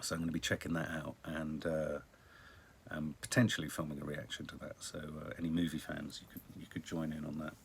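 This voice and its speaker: A British man hosts a casual live stream, chatting to viewers about the news in a rambling, wry way with dramatic emphasis. His very deep, gravelly voice is flat and a little fast, with a little hiss or hum.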